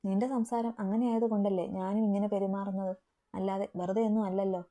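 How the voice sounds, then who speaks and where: A lovestruck young woman who sulks, pouts and pleads with her lover, as a woman reads her aloud. The voice is dark and mellow. It comes from a romantic audio story. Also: medium pitch, level tone, quick pace, natural voice. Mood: pouting. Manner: pouting, pleading.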